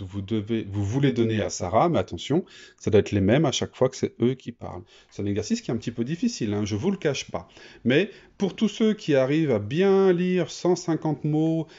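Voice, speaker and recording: A man teaching a reading lesson to children, explaining step by step with many pauses and fillers. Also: mid-range voice, expressive, mellow, dull audio.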